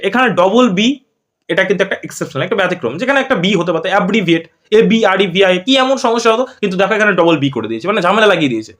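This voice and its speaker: A man teaching an online spelling and pronunciation lesson, repeating words slowly and spelling them out letter by letter while asking his students whether they follow. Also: high-pitched, a bit bright. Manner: asks learners for agreement again and again.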